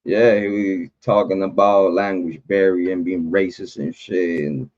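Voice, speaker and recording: Speaking in a low, steady, slightly mellow voice over lo-fi sound, a man from Puerto Rico chats casually on a livestream he hosts. Spanish is his first language, and his talk meanders and drags with fillers and some cursing.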